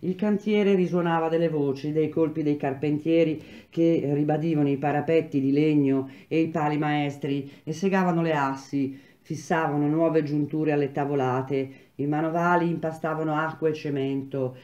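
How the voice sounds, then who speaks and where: A woman reading a novel aloud in a measured, even storytelling manner. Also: low-pitched, highs cut off. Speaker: reader of a novel.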